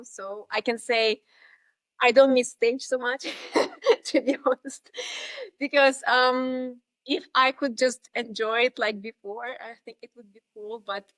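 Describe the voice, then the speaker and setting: A Russian woman in her thirties, a dance instructor, reflects as a guest on a podcast interview, speaking with a Russian accent and many fillers and restarts. Her voice is a little high and a bit bright, and the recording is dry.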